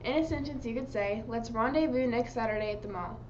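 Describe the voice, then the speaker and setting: A woman's voice: fairly high pitch, fairly quick. Young female announcer on a school broadcast. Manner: steady, scripted reading. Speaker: student announcer. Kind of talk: reading school morning announcements. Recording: dull lo-fi school broadcast with faint hiss.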